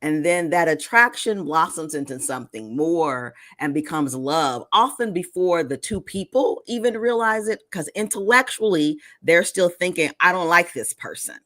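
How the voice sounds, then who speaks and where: A woman author with a low voice reads her novel aloud, then talks it through thoughtfully in conversation. The sound is close and dry, with no room echo. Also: expressive, normal speed, hardly any pauses, fairly bright tone. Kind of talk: podcast interview and book reading.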